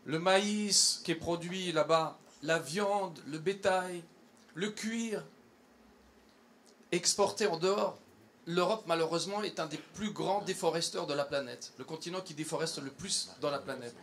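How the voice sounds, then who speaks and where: A man speaking at a public event, earnest in tone and pausing often with fillers and restarts. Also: a little high, fairly bright tone, slight background noise. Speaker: environmental campaigner addressing company staff. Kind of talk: public talk to an audience.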